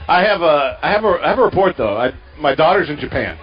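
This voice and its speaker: A middle-aged man co-hosting a radio show, telling jokes in a dry, deadpan way. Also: on the high side, quick pace, dull audio. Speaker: radio co-host. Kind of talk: casual banter.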